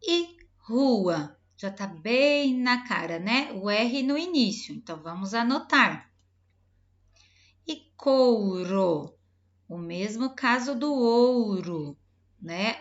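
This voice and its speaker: A Brazilian woman teacher giving a recorded lesson to young pupils, drawing out each word slowly as she dictates. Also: medium pitch, lo-fi sound. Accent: Brazilian Portuguese. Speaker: primary school teacher. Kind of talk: recorded remote lesson for children.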